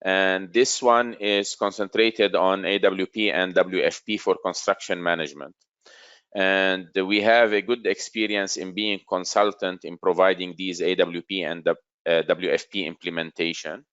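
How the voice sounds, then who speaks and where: A man in his forties presenting a business webinar in a steady, explanatory way. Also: low voice, moderate pace, clear, resonant tone, no echo, muffled recording.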